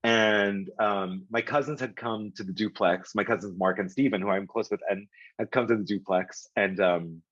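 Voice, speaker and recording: A man's voice: lowish voice, fairly even intonation, normal speed, a bit bright, no echo, highs cut off. A middle-aged man telling stories as an interview guest, rambling with lots of fillers and restarts. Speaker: guest, publishing executive. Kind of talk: casual storytelling in an interview.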